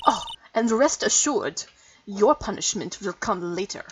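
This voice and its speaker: A woman's voice: mid-range voice, lively intonation, unhurried, recorded from a distance, noisy background, close to an everyday voice. Woman putting on a haughty German-accented prosecutor. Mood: commanding. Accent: put-on German. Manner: cold, scornful, commanding. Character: haughty young female prosecutor, whip-cracking perfectionist.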